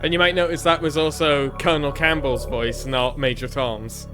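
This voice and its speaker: A man's voice: fairly high pitch, steady tone, normal speed, over music. A man giving playful, informal commentary while playing a video game. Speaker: gamer hosting a playthrough.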